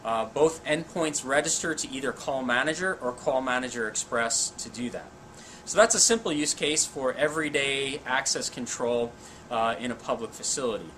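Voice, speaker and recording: This clip has a man in his forties casually showing off a technical product in an indoor lab or demo space, explaining things plainly. His mid-range voice is a bit bright and moves at a normal pace. Audio quality is poor, and room noise comes through clearly.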